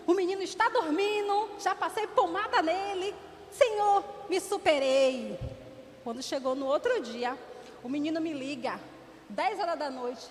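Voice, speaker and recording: A woman in her thirties preaching a sermon with animated storytelling. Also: very high-pitched, normal speed. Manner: animated storytelling, acting out dialogue. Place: church hall. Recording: reverberant church hall, faint noise.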